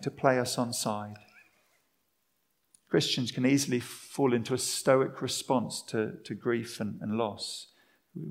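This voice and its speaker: Guy preaching a sermon, goes big and lively then goes quiet and slow, mid pitch. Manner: animated, swings from loud to hushed and slow.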